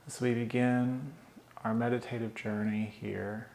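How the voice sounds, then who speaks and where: A man leading a guided meditation, giving calm, soothing breathing instructions with long pauses. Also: medium pitch, vocal fry. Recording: roomy echo.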